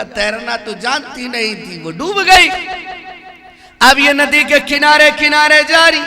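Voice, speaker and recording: A male preacher delivers an animated sermon and keeps asking the crowd questions. His voice is very high and intensely bright and cutting. A long reverb trails behind every line. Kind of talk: sermon with humorous story.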